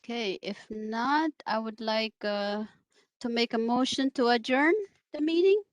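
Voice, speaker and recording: Clear, higher-pitched woman chairing a meeting. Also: measured pace, no echo. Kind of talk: semi-formal chairing of an online committee meeting.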